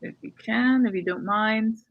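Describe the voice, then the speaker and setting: A woman's voice: a little high, measured pace, muffled recording. A woman hosting a casual live-stream chat, upbeat and chatty as she works around tech hiccups. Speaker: host.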